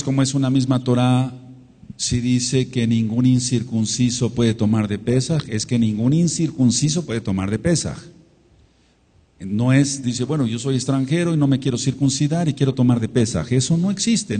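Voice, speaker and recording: A man with a mellow, medium-pitched voice and a breathy edge talks at normal speed. As a congregation teacher with a Mexican Spanish accent, he teaches a sermon-style Torah study, repeating phrases and calling out amen and hallelujah amid long hall reverb.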